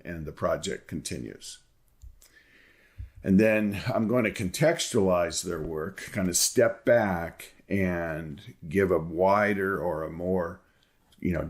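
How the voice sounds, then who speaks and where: Male lecturer with a deep voice, methodical and orderly, walking through points one part at a time. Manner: methodical, lays out points in numbered parts. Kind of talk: academic lecture.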